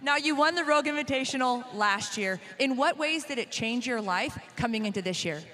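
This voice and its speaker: Bright high-voiced female interviewer. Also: lively intonation, fairly quick, in a large hall. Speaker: sideline interviewer. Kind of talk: post-event athlete interview.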